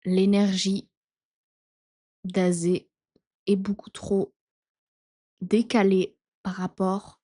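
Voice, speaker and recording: A woman's voice: medium pitch, flat delivery, extremely slow, pauses often, warm tone, dry recording, clean studio sound. A woman giving frank, opinionated commentary on a TV show she is reacting to. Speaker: reaction video host. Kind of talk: casual commentary.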